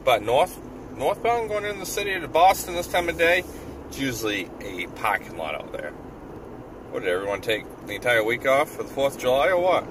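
On a noisy handheld recording, a middle-aged truck driver narrates his casual vlog in a mid-range voice with big pitch swings, talking fairly quickly. His tone is upbeat and conversational as he speaks to viewers.

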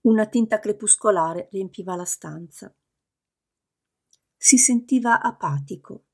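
A woman narrating a novel as an audiobook in a steady, measured reading. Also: medium pitch, gravelly, husky.

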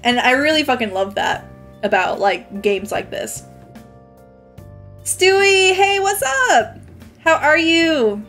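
A woman's voice: high-pitched, animated, slow pace, pauses often, fairly bright tone, soft background music. A young woman streaming a game, chatting casually with her viewers, laughing often and swearing freely. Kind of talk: casual gaming commentary.

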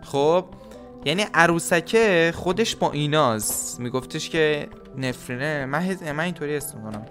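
Guy chatting thru a horror game, jokey and swearing, game music under him. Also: fairly high pitch. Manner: joking, excitable, swears freely. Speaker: gaming video host. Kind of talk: casual let's-play chat.

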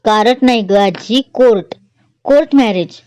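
A woman's voice: mid-range voice, steady tone, measured pace, clear, resonant tone, no echo, natural voice, rough recording. A woman storyteller voicing a naive young girl who asks fretful questions. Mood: irritated. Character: naive young girl, quick to get cross.

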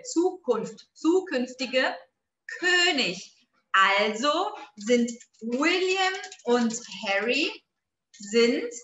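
A woman teaching a live online language lesson, explaining slowly, repeating words and checking in with her viewers. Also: fairly high pitch, pushed and bright, reverberant, a little hiss or hum. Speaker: German teacher.

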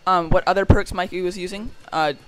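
A teenage boy hosting a casual gameplay commentary at home, excitable and giggly, rambling with fillers. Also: sits high, brisk. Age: teens. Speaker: channel host.

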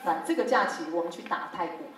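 In a workshop talk for fellow teachers, a woman with a lowish voice and a Taiwanese Mandarin accent speaks quickly, telling lively classroom stories. She acts out what her pupils said, laughing as she goes, and the very echoey hall is captured from a distance.

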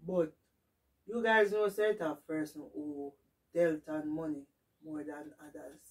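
A woman's voice: low voice, fairly even intonation, a little slow. A middle-aged woman with a Jamaican accent chatting casually to camera, giving advice emphatically, repeating her points and slipping into Patois. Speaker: vlogger. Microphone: distant camera mic. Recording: distant camera microphone in a room.

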